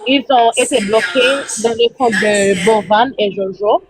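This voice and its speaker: A woman from Haiti with a Haitian accent, calling in to a live stream and speaking in a hesitant, halting way with many restarts. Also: on the high side, background noise. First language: not French. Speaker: caller.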